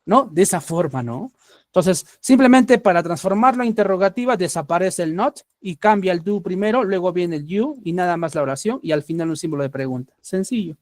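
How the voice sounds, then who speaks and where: A man's voice: sits high, expressive, a little fast, darkish tone, dry recording. A man with a Peruvian Spanish accent teaching English grammar in an online class, patiently checking understanding with a rising question after each point.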